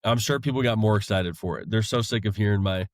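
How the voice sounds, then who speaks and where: A man's voice: fairly low pitch, fast, no echo, studio quality. An enthusiastic male podcast host with a half Southern, half Northern American accent. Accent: American, mixed Southern and Northern. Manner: upbeat, enthusiastic. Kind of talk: podcast interview.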